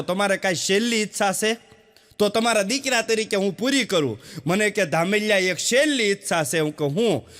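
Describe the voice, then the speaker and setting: A man's voice: high voice, a bit bright. A man telling jokes on stage, slipping into the voices of the villagers and family members in his stories. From Gujarat, India. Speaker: stand-up comedian. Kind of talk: Gujarati stand-up joke telling. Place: stage show with a live audience. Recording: long hall reverb.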